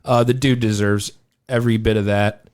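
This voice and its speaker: A man's voice: fairly low pitch, steady tone, normal speed, a little mellow, clear, resonant tone. A man co-hosting a podcast, talking sports in a laid-back way and getting fired up about players. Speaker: podcast co-host. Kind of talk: casual sports chat.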